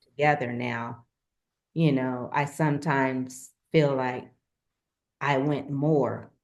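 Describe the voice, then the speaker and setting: A middle-aged woman co-hosting a heartfelt conversation, soft-spoken and hesitant, with many pauses. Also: extremely low pitch, steady tone. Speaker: co-host.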